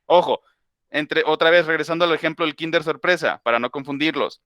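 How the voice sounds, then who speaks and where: Bright, crisp-voiced man teaching a class. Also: fairly high pitch, fairly quick, no room sound. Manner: explains with homely examples, restarts and self-corrections. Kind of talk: conversational class lecture.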